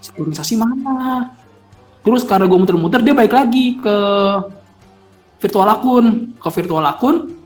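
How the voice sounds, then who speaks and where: A man telling a story casually among friends, animated and acting out the voices of the people he quotes. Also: sits high, moderate pace, faint music behind, poor audio. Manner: animated, acts out the phone caller's lines.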